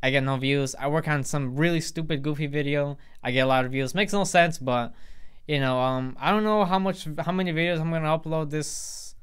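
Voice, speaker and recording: Sitting before a plain grey backdrop indoors, a teenage boy rambles through a storytime vlog, restarting often and leaning on fillers. He sounds a little high, fairly quick and smooth.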